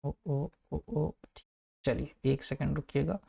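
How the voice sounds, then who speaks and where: A man's voice: fairly high pitch, fairly even intonation, creaky, dark tone, slightly rough. A man teaching an online exam-prep class, coaxing his students with mnemonic tricks and frequent check-ins, sometimes rattling off facts in a raised voice. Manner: rapid fact listing in a raised voice.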